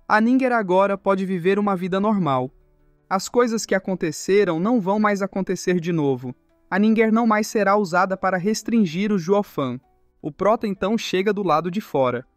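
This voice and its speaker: A man with a Brazilian Portuguese accent narrating a comic recap in a plain, quick storytelling manner with many short cues. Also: sits high, dry recording.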